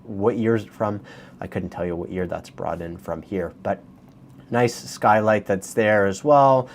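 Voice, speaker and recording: A man's voice: on the low side, a little slow, vocal fry, a little hiss or hum. A man with a Canadian accent giving a casual, chatty walkthrough of property listings, talking straight to his viewers. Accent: Canadian English. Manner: chatty, conversational, addresses viewers directly. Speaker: real estate video host.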